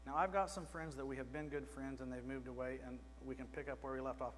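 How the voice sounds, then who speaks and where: A man's voice: medium pitch, steady tone, fast talker, fairly bright tone. A middle-aged man preaching a sermon in a small church, speaking conversationally and putting questions to the congregation from the pulpit. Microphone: pulpit microphone. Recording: reverberant church with faint mains hum.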